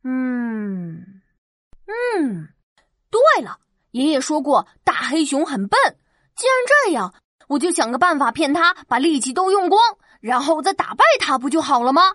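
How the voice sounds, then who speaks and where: A woman's voice: sits high, very animated, a little slow, fairly bright tone, no room sound, clean studio sound, exaggerated voice. A woman playing a cheeky clever little boy. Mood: plucky. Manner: cheeky, scheming. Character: clever little farm boy, plucky and sly.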